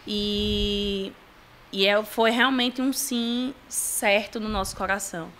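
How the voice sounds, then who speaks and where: A woman's voice: mid-range voice, steady tone, slow, a bit bright. A woman with a Brazilian accent speaking as a parent in a personal testimonial interview. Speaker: adoptive parent. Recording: faint ambient noise.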